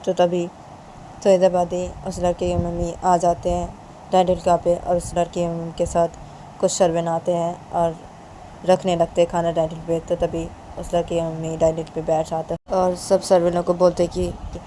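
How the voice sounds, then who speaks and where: A woman's voice: lowish voice, completely flat delivery, moderate pace, mellow, slight background noise. A woman narrating a romance story in a casual, repetitive retelling style.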